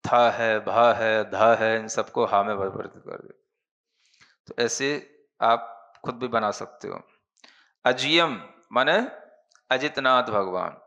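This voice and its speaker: A man leads a grammar lesson at an unhurried pace, his voice grainy with fry. He explains patiently and keeps checking that his listeners follow. The recording sounds muffled and lo-fi. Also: on the low side, sharp tone. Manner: slow, patient, checks understanding with "है ना?". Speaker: Jain monk teaching Prakrit.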